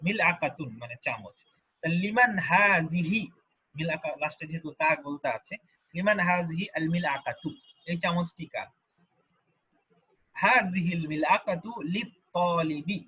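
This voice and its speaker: A man teaching Arabic grammar in a lesson, who patiently repeats each form slowly and asks the learners questions. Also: fairly high pitch, sharp tone, husky, dull audio. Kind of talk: online grammar lesson explained in Bengali.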